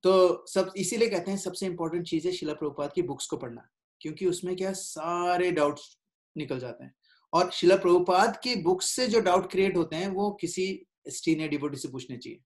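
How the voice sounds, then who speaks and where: Conversational man, fairly high voice. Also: a little fast. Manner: conversational, keeps checking in with listeners; mixes in English words and phrases. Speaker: devotional speaker. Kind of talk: informal spiritual class.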